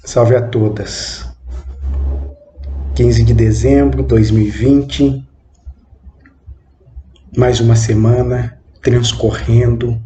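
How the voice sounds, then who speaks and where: A young man in his twenties speaks slowly in a mellow, soft-edged voice. His phrasing is halting and measured, and he keeps tossing in little questioning tags. The room sounds roomy and echoey, with a faint hum of background noise. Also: mid-range voice. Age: 20s. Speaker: channel host. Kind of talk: reflective spoken monologue.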